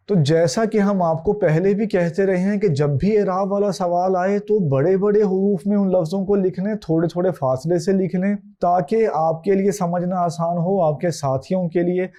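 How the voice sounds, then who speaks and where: A man with a Pakistani Urdu accent teaching an exam-prep lesson, slowly spelling out each letter and its vowel mark. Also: high-pitched, mellow. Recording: dull lo-fi recording.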